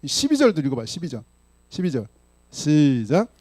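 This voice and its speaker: A male pastor preaching in a chatty way. He acts out dialogue and leads slow unison scripture readings. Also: fairly high pitch, huge pitch swings, a little mellow, dry recording. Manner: often ends phrases with a questioning "응?" or "예?". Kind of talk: sermon.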